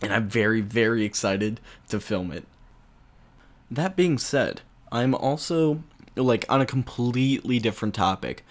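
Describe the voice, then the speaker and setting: A man's voice: medium pitch, animated, a little slow. A young man hosting a casual solo podcast, rambling with frequent chuckles and filler words. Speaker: podcast host.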